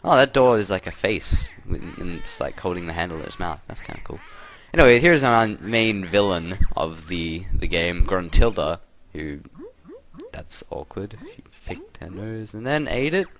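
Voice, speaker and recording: Rambling young gamer. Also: male voice, low-pitched, expressive, normal speed, a bit bright, slight background noise. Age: young adult. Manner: rambling, self-interrupting, chuckly. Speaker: let's play host. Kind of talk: casual game commentary.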